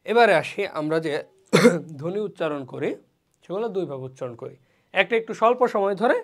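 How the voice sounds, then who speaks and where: A teacher giving an online class lecture, explaining step by step and asking and answering their own questions, sounding out vowels slowly as examples. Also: medium pitch.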